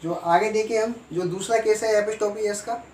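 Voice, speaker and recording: दूर से गूँजती आवाज़ में पढ़ाता शिक्षक. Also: male voice, high voice, steady tone, a little mellow. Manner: explains slowly, asks and answers his own questions. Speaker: teacher. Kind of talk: classroom grammar lesson. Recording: echoey room, voice from far off, faint noise.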